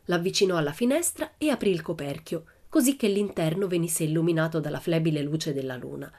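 A woman reading a children's story aloud as an audiobook in a lively, expressive storytelling manner. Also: low-pitched, brisk. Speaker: audiobook reader.

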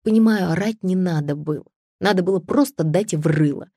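A woman reading an audiobook, voicing a quiet, cultured young woman who turns blunt and cutting. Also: on the low side, brisk, no echo, clean studio sound. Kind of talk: audiobook character voice.

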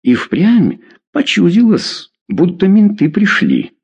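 A man voicing an enraged middle-aged father who hurls pompous threats at his son, with a husky, lively voice. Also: high voice, takes it slowly, dull audio, voice pushed up, exaggerated voice. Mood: indignant.

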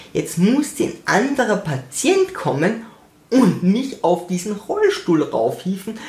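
A young man telling a personal story in a casual, sarcastic way, acting out the voices of the people he quotes. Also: high-pitched. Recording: roomy echo.

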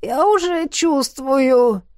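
A woman's voice: high voice, slow pace, darkish tone, no room sound, clean studio sound. A woman voicing a whiny worn-out girl student. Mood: whining.

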